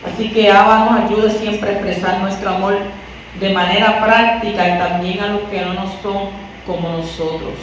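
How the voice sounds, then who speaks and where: Speaking at a normal speed with fairly even intonation, this woman from Puerto Rico has a mid-range voice and a Puerto Rican accent. She delivers a conversational sermon full of rhetorical questions for her audience, captured from far off in an echoey room with faint noise.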